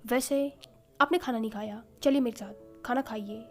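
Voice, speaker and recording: A woman's voice: on the high side, normal speed, faint music behind, natural voice. A woman voicing a spoiled, playful young girl who teases her brothers, in a read-aloud story. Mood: playful, cheeky. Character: cheeky spoiled young girl, little sister.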